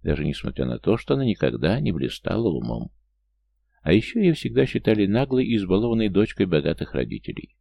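Deep gravelly male narrator. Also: big pitch swings, fast, dark tone, no echo. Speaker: audiobook narrator. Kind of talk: scripted narration.

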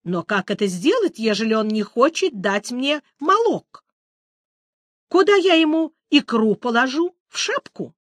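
A woman's voice: fairly high pitch, big pitch swings, unhurried, no room sound, clean studio sound, pitched above the performer's own voice. A woman voicing a capricious young female siren who squeals and complains in a singsong voice. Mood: indignant singsong.

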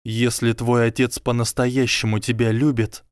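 A man voicing an earnest, clever young wizard who argues calmly and persuasively. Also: medium pitch, moderate pace, smooth, no echo, studio quality, close to an everyday voice. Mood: pleading. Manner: calm, reasoning, quietly persuasive.

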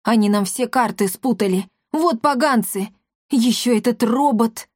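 A woman voicing an excitable young male inventor in a storybook reading, eager and exclaiming. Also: a little high, a little slow, no echo, studio quality. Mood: excited.

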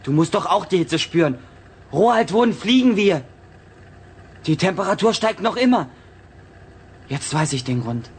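A man's voice: high voice, expressive, a little slow, pauses often, breathy edge, exaggerated voice. An actor playing an anxious young male spaceship passenger who pleads and grows desperate, in a radio drama. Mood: panicked.

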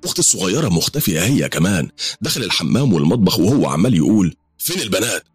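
A man's voice: low voice, sing-song, rapid-fire, a little mellow, husky, no room sound, soft background music. A man with an Egyptian accent narrating a horror story in an intense, dramatic manner. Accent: Egyptian Arabic.

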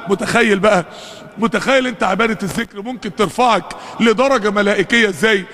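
A man with an Egyptian Arabic accent preaches a fervent mosque sermon in a high, fairly bright voice at a quick pace. He fills it with rhetorical questions and calls to the congregation, and the mosque hall is reverberant.

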